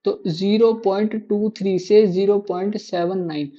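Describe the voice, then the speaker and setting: A man's voice: high-pitched, fairly even intonation, moderate pace, warm tone, lo-fi sound. A man teaching maths in a live online class, quizzing students with constant rhetorical questions and repeating key answers to drill them in.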